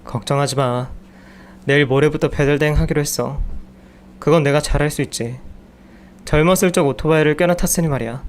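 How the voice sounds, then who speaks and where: A man's voice: a little high, a little fast, long pauses, slight background noise, lightly acted. A man voicing a whiny young husband who grumbles about every hard job. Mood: grumbling. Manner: sulky, complaining.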